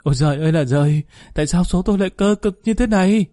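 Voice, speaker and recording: A man reading aloud and voicing a sharp-tongued older wife and mother who accuses and wails in a storybook reading. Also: mid-range voice, lively intonation, fairly quick, no echo, clean studio sound, close to an everyday voice. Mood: shrill accusing.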